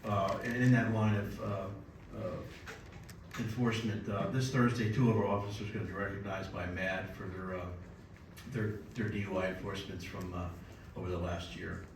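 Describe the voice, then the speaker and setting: A man giving a police chief's report at a city council meeting, measured and full of filler pauses. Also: low-pitched, steady tone. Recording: echoey council chamber, distant mic, background noise.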